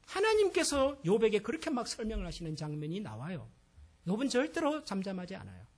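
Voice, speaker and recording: A man's voice: sits high, wildly swooping pitch, fairly quick. A male pastor giving a sermon, speaking straight to the congregation and building to impassioned appeals. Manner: addresses the congregation directly, rising to impassioned appeals.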